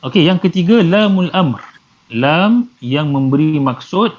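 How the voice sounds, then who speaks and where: Male teacher, patient and repetitive, slightly high voice, muffled lo-fi recording. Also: animated, measured pace. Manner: patient, repeats and translates terms, many fillers. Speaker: Arabic grammar teacher. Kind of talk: live class explanation. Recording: dull lo-fi with faint noise.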